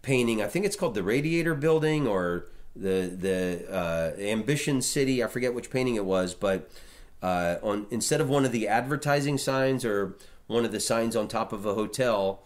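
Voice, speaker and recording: A man's voice: lowish voice, expressive, normal speed. A middle-aged man hosting a podcast, chatting casually about art history with many restarts and fillers. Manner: rambling, frequent restarts and fillers. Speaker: podcast host.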